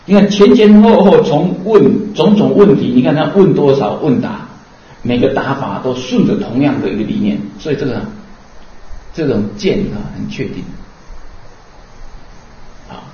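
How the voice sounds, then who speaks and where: A man's voice: a little high, expressive, moderate pace, pauses often, warm tone. A man giving a Buddhist Dharma lecture, explaining earnestly and asking rhetorical questions along the way. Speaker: Buddhist teacher. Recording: distant, dull, roomy lecture recording.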